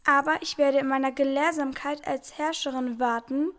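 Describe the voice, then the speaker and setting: A woman's voice: high voice, fairly even intonation, moderate pace, a bit bright. A woman voicing a bossy, pompous queen who rules a tiny planet, giving orders in a radio play. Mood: pompous, commanding. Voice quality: pompous, commanding. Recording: music playing underneath.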